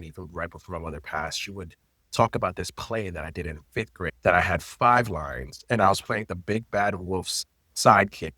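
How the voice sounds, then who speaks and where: This intimacy coordinator and teacher, a man in his late 30s from Florida whose native language is Haitian Creole, is a guest sharing stories in a conversational interview. The recording is dry with no room sound, and his very deep voice comes across as expressive and personal, loosely phrased and packed with fillers.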